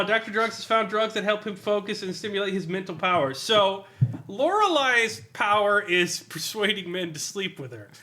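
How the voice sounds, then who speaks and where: This podcast host reviews a tabletop game with humor and sarcasm, reading passages aloud and remarking on them with amusement. His voice is high, bright and pushed, and he often laughs as he talks.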